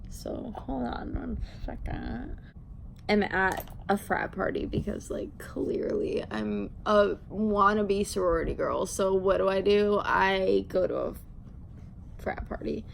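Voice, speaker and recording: Slow and gravelly, with a mid-range pitch and a bit of hiss or hum on the recording, a twentysomething video creator chats through a story while applying makeup. Her telling is rambling, self-deprecating, and giggly.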